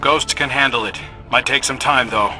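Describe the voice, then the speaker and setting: Voicing a no-nonsense male military pilot and tactical operator in a video game, a man delivers clipped, businesslike, plain-spoken mission updates. His mid-range voice keeps a steady tone at a moderate pace, only lightly acted. Faint music plays behind him.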